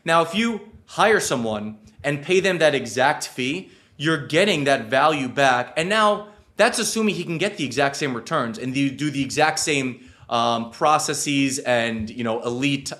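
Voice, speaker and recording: A man's voice: mid-range voice, animated, unhurried, few pauses, sharp tone. A man speaking as an advisor, explaining things casually and emphatically. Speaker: financial advisor guest.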